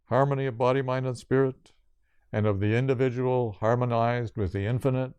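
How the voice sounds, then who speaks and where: An older man giving a spiritual yoga talk, speaking slowly and deliberately in short listed phrases. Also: mid-range voice, fairly even intonation, a little mellow, smooth, no echo. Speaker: yoga teacher.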